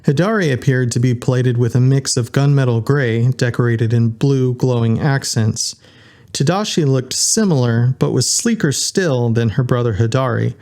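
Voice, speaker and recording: A man reading an audiobook in a steady, unhurried narration. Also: medium pitch. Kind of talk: scripted narration.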